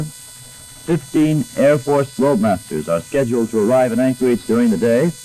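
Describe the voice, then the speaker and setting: A man's voice: mid-range voice, darkish tone, low-quality recording. A man reading wire news bulletins on air as a radio announcer, heard as an old 1960s broadcast recording with electrical hum. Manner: measured, grave, deliberate reading. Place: radio studio.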